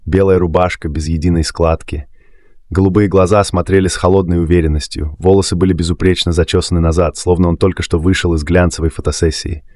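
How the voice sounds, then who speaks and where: A man with a very deep, low voice narrates a dramatic story in a steady, even manner. The recording is dry and close, with no room sound around him. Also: no room sound. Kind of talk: scripted narration.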